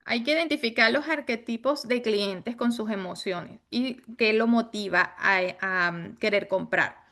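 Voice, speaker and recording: A woman's voice: fairly high pitch, a little slow, pushed and bright. A woman in an online real estate mastermind, explaining client personalities in a casual way, with light laughs between points. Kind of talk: casual group discussion.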